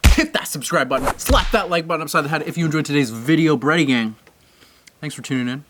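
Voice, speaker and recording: A man's voice: a little high, fast talker, music in the background. A man from Canada hosting a casual outdoor cooking vlog, upbeat and full of slang. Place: outdoors on a beach.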